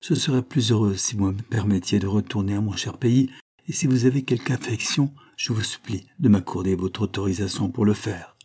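A man voicing a gentle but resolute young country girl in an audiobook, speaking softly and pleading, then firmly. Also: lowish voice, fairly quick, slightly rough. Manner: soft, pleading, then firm. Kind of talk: audiobook character reading.

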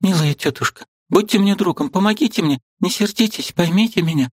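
A man doing a quiet, earnest young woman. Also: high voice, brisk, slightly rough, dry recording, clean studio sound, voice pushed up. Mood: subdued. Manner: soft, subdued, earnest. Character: quiet, pious young woman, resolved and tearful.

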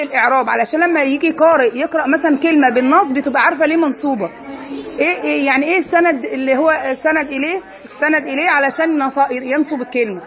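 Egyptian woman teacher, high and quick, quizzes then answers herself, class noise behind. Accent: Egyptian Arabic. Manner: poses questions then answers them herself. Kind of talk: classroom lesson.

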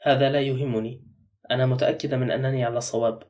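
A tense, insistent young woman, read by a man. Fast and urgent in a dark, mellow tone. The mic is a little far off. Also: medium pitch, level tone, close to an everyday voice.

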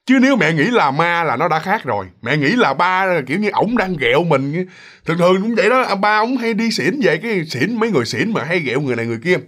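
A man tells a ghost story in a relaxed, chatty way, with a Southern Vietnamese accent. His voice sits a little high for a man. He often turns to his listeners and acts out the creaks and sounds of the tale. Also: fast talker. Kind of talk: casual ghost story narration.

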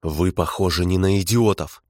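A man's voice: medium pitch, sing-song, moderate pace, darkish tone, dry recording, studio quality. A man voicing a fanatical, embittered male prisoner who spits out spiteful accusations. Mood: screaming.

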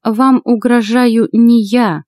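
A woman voicing an old witch in an audiobook, with a creaky voice and a slow, steady, coldly menacing delivery. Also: a little high, no room sound, pitched above the performer's own voice. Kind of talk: audiobook character voice.

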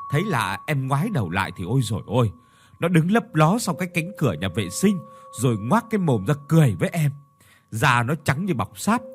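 A man's voice: fairly high pitch, slight background noise, pitched above the performer's own voice. A man voicing a panicked young man who stammers and pleads in a ghost story.

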